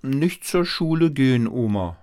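A man's voice: mid-range voice, animated, a little slow, dark tone, pitched above the performer's own voice. A man voicing a cheeky little schoolboy in a bedtime storybook reading, talking in an eager, whiny way. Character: cheeky little schoolboy who wants mischief.

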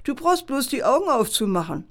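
A woman's voice: on the high side, very animated, unhurried, voice pushed up. A woman voicing a young boy who is puzzled and down-to-earth, speaking matter-of-factly.

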